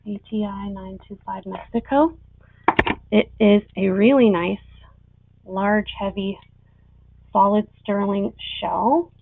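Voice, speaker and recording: A woman's voice: medium pitch, fairly even intonation, slow, vocal fry, long pauses. A woman working as an auctioneer on a live online sale, presenting items and calling bids. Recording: tinny phone-like sound.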